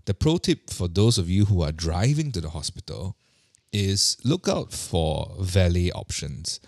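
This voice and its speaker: Deep-voiced man telling a casual story. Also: very animated, measured pace, a little mellow, no echo, clean studio sound. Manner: chatty, self-deprecating, repeats words when restarting.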